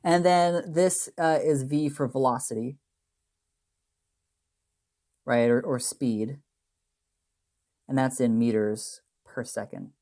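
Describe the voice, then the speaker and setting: A man's voice: mid-range voice, fairly even intonation, slow pace, pauses often, darkish tone. Man lecturing, chatty and self-correcting. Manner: rambling, self-correcting, with frequent tag questions; plays down the math. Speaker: chemistry instructor. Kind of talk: recorded lecture explaining slides.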